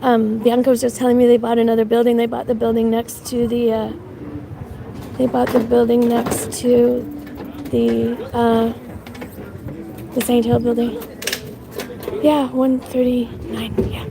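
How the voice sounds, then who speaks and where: A Canadian woman with a blend of Canadian and Irish accents livestreams while walking a city street, shivering in the cold and thanking viewers between rambling, filler-heavy remarks. Her fairly high voice is creaky and completely flat, a little slow, with long pauses. The street and crowd make the background noisy.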